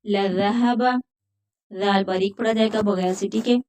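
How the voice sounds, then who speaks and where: A woman teaching a Quran recitation lesson, patiently explaining pronunciation rules step by step and repeating words slowly. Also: medium pitch, fairly even intonation, a little mellow. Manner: recites verses in a drawn-out chant.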